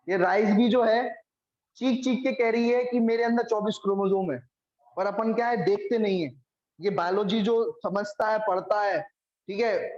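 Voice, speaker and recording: Male biology tutor, high voice, coaxing, quizzes students; roomy, muffled recording. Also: darkish tone. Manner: coaxing, repeats questions to students, calls them beta. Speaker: biology teacher. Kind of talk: classroom lecture. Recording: echoey room, dull lo-fi sound.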